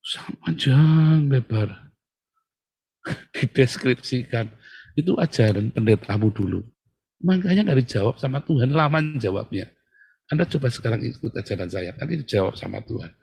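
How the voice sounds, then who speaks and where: A man preaches in a relaxed, conversational way, joking with his listeners. He leans hard on key words, then drops to a near hush when urging calm. His voice sits at an ordinary middle pitch. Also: normal speed, vocal fry, husky, no echo. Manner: chatty, joking, swings between loud emphasis and hushed calm. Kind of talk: casual sermon.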